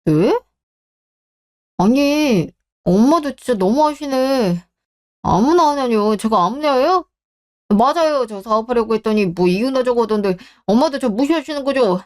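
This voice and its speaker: A woman's voice: fairly high pitch, animated, normal speed, darkish tone, lightly acted. A woman voicing a stubborn, defensive younger husband who argues indignantly with his mother in a radio drama.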